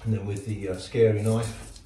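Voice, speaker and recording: A man's voice: on the low side, little pitch movement, measured pace, warm tone, recorded from a distance. Man talking through boat work. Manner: practical, matter-of-fact, talks while working. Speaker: DIY boat builder. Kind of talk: casual how-to narration. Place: inside a narrowboat hull under construction. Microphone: camera mic, speaker moving near and away. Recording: echoey hollow hull, off-mic at times, work noise.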